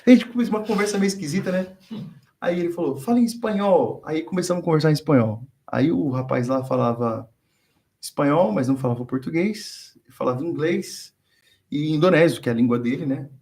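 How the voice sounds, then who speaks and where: A man's voice: on the high side, a little fast, a little mellow. A man from Brazil, a guest explaining religion in a casual, teaching way, who acts out the dialogue he quotes. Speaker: guest speaker on theology. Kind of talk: conversational teaching.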